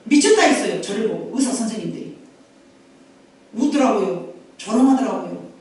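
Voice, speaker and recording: Middle-aged woman pastor, high lively voice, emphatic repeating sermon style, heard from a distance in a very echoey church hall. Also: moderate pace. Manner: emphatic, repetitive preaching with calls for amen. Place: church sanctuary.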